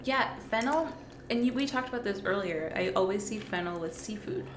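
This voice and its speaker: A woman's voice: mid-range voice, animated, fairly quick, echoey room, a little hiss or hum. A woman co-hosting a podcast as a dietitian, chatting loosely with many "like" fillers while tasting food.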